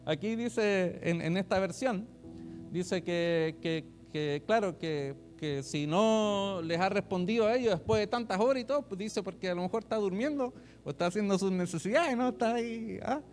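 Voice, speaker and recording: A pastor leads a church's online service, reading scripture aloud and explaining it in chatty asides. He is animated, quoting loudly, and his high-pitched voice moves at normal speed over soft background music.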